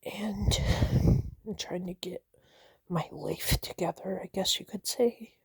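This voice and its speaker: Nervous whispering woman, halting speech. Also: fairly low pitch, gravelly, husky, no room sound. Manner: whispering, halting, many fillers and restarts. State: nervous and shaky. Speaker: vlogger. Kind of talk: personal confessional vlog.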